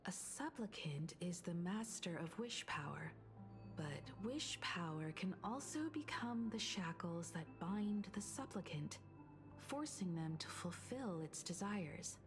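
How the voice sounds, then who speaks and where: An actress playing a thoughtful, resolute young woman in a video game, speaking in a measured, earnest way. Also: fairly low pitch, lively intonation, faint music behind. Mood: contemplative. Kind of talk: dramatic video game voice acting.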